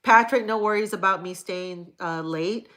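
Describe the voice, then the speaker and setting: A woman from Hawaii hosts a live stream, reading viewers' chat comments aloud and answering them bluntly, crudely and casually. Her voice is on the low side and fairly bright, and she doesn't rush.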